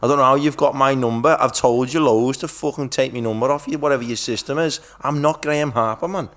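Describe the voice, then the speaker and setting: A man's voice: mid-range voice, quick pace, a bit bright. A man hosting a podcast, telling stories in a blunt, sweary, casual way. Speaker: podcast host. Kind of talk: casual chat.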